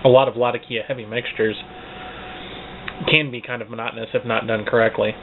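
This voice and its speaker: A man gives a casual, unscripted review in a mid-pitched voice. He hesitates and repeats words as he searches for the next one. The sound is narrow and phone-like, with clear noise behind him. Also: level tone, brisk. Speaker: pipe tobacco reviewer. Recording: tinny, phone-like band, clearly noisy.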